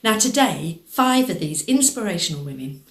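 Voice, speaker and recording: A woman charity worker presents in calm, measured scripted narration, putting questions to the listener. Her voice sits low but moves lively in pitch. The sound is roomy and echoey.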